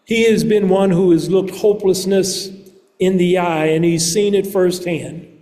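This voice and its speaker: A man with a rather high voice delivers a sermon at an unhurried, measured pace. His words ring out in a large church with a long, lingering reverb. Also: fairly even intonation, dark tone. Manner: slow, measured preaching with deliberate pauses. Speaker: preacher.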